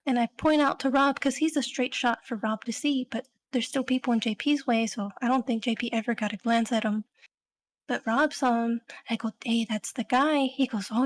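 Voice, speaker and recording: A young adult woman co-hosting a podcast, telling a story in a rambling, casual way full of fillers. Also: on the high side. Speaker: podcast co-host.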